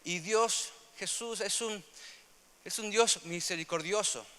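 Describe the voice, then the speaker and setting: Young man, Rioplatense accent, preaching; high, sharp voice with a long reverb tail. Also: takes it slowly. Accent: Rioplatense Spanish. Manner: earnest, repetitive, swings between loud emphasis and soft asides. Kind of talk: sermon.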